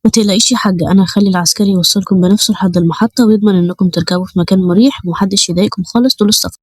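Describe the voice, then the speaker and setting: A woman doing a calm police officer. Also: mid-range voice, racing, breathy edge, dry recording, close to an everyday voice. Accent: Egyptian Arabic. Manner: calm, gentle.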